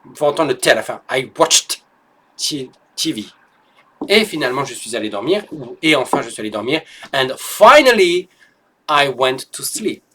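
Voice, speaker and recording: A man teaching English in an online lesson, patiently explaining grammar and repeating each phrase slowly and clearly for learners. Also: mid-range voice, big pitch swings, a bit bright.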